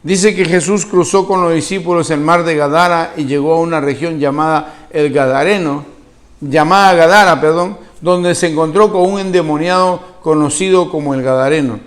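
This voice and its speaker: A Venezuelan man preaching a sermon with a fairly high voice, telling the story with animation. He puts questions to the congregation and acts out each speaker's words with a changing voice. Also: steady tone, moderate pace. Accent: Venezuelan Spanish. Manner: acts out the quoted speakers with a shifting voice. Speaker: pastor.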